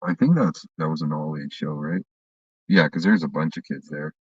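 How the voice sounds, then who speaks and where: A man's voice: rumbling low, moderate pace, slightly rough, dry recording. A man in a casual chat, telling a story in a heated, profane way, heard from a distance on a dull recording.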